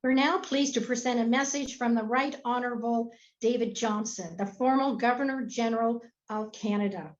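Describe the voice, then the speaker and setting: A woman's voice: a little high, moderate pace, hardly any pauses. A woman co-hosting, announcing program segments in a polite, scripted way. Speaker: co-host. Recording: dull lo-fi sound.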